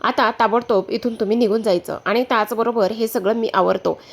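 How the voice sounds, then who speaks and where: A woman's voice: a little high, fairly even intonation, fairly quick, creaky. A woman voicing a firm, protective young man in a retold serial story, reading his lines in her own voice. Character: young adult man, protective household manager.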